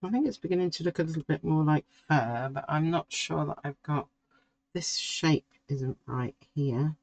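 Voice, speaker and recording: A middle-aged woman, slowly talking through a drawing as she works and musing to herself. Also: deep voice, gravelly, darkish tone, poor audio. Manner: slow, musing, talks to herself while drawing. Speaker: art tutor. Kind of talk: relaxed painting tutorial.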